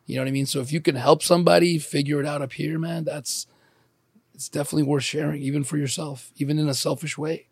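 A man's voice: on the high side, steady tone, fast talker, slightly rough, no echo, studio quality. A man hosting a casual chat, loose and friendly, often tossing in "man" and "you know what I mean.". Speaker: podcast host.

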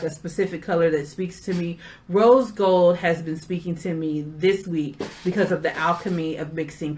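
A woman's voice: on the low side, a bit bright. A middle-aged woman hosting a casual chat, telling stories with sassy asides. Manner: chatty storyteller, sassy asides. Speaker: podcast host.

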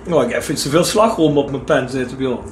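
A man co-hosting a casual podcast, teasing his guests and briskly reading sponsor plugs. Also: mid-range voice, echoey room, slight background noise. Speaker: podcast co-host. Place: studio table with guests.

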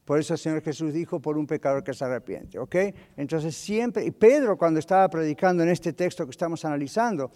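A middle-aged male pastor preaching a sermon, animated and full of rhetorical questions. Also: a little high, brisk, few pauses. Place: church hall. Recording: long hall reverb.

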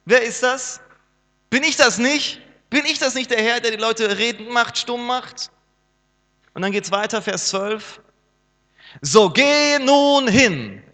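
A male pastor preaching with a high, bright and forceful voice. He talks in a lively way and now and then acts out the voices he quotes. The sound rings with long reverb in a church hall, with a mains hum underneath. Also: measured pace. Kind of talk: sermon.

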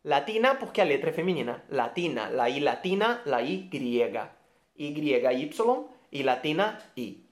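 A man's voice: medium pitch, big pitch swings, normal speed. A man with a Brazilian Portuguese accent teaching a video lesson, who patiently repeats each sound and keeps checking with the viewer. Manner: often checks understanding with "ok?". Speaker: Spanish teacher.

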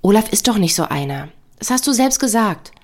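A woman's voice: medium pitch, very animated, a little fast. Woman doing a sheepish young woman, sorry but defensive, story bit in a podcast. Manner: defensive, apologetic. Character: guilty, defensive young woman making excuses.

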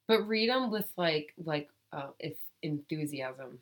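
A woman co-hosting a podcast in casual chat, chiming in with excited, enthusiastic interjections. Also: sits low, takes it slowly.

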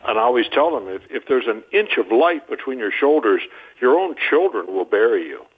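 An older marriage counselor guesting on a radio program tells jokey, folksy stories with lots of animation. His medium-pitched voice moves a little fast with a breathy edge, and the phone line gives it a tinny sound.

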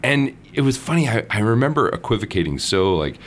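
A man's voice: mid-range voice, very animated, brisk, a little hiss or hum. A man from Minnesota, a priest and podcast guest, telling stories casually and acting out the voices he quotes with laughs. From Minnesota, United States. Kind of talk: casual storytelling interview.

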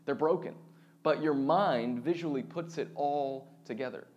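A man of thirty giving a relaxed, conversational sermon as pastor, chatty and self-deprecating, with frequent fillers and restarts. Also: fairly high pitch, measured pace, dull audio, slight background noise. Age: 30s.

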